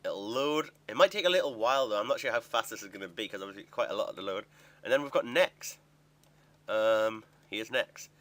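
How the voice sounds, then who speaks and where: A man's voice: on the low side, lively intonation, a little fast, a bit bright. A young man giving casual commentary over a screen recording, chatty and thinking aloud as he clicks through a website. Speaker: gaming video creator.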